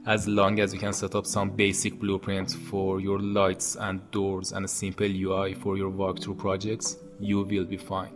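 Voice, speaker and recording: Speaking at normal speed with hardly any pauses, an Iranian-accented man in his thirties calmly delivers scripted advice to camera for his tutorial channel. His home studio has monitors and posters, he uses a boom-arm podcast mic, and soft background music plays.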